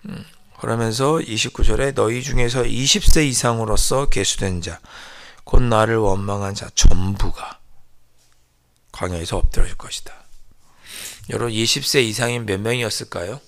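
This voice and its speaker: A man's voice: mid-range voice, a little fast, a bit bright. A male pastor preaching an early-morning prayer sermon. He asks his congregation questions and answers them himself, and drops to a whisper on key phrases. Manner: sounds out the people's complaint as a pleading prayer.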